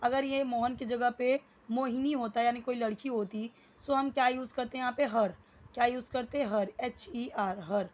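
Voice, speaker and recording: A woman teaching an English lesson, slowly explaining and repeating example sentences for beginners. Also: on the high side, fairly even intonation. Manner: slow, repetitive explaining, drilling example sentences. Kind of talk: spoken English lesson in Hindi.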